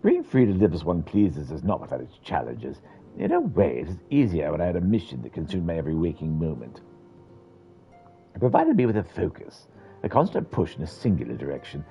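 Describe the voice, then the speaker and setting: Man voicing an earnest, eloquent initiate with deep creak. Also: muffled recording, exaggerated voice. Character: earnest, eager young male initiate, eloquent and humble. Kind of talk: dramatic read-aloud of game dialogue.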